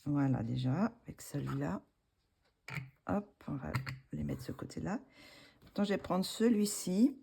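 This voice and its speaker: A woman's voice: deep voice, expressive, normal speed, vocal fry, pauses often, warm tone, breathy edge. A woman with a French accent, casually narrating a craft tutorial while she works, thinking aloud with hesitations. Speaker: art tutorial host.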